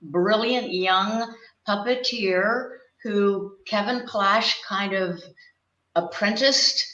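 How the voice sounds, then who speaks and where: An older woman chats as a guest, drifting through memories in a relaxed, rambling way. Her voice comes through a roomy echo. The audio is dull and lo-fi. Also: mid-range voice, drawn-out words. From Pennsylvania. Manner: rambling, reminiscing storyteller. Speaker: guest actress and puppeteer. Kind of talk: casual interview chat. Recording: echoey, muffled lo-fi audio.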